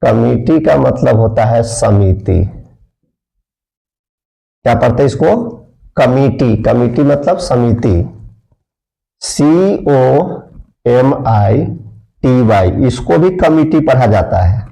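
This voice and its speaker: A man gives a spelling lesson at an unhurried pace, spelling words out letter by letter. His voice is dark and gravelly, with a mellow tone. He repeats each word and quizzes his listeners as he goes. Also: medium pitch, expressive, rough recording. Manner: slow, repeats words and asks the class. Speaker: English teacher.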